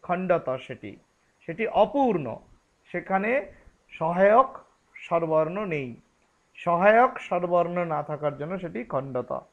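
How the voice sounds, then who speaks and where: Slow, high-voiced Bengali man teaching scripture. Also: lively intonation, lo-fi sound. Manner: slow, deliberate, chants Sanskrit verses then explains them. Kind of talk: scripture lecture.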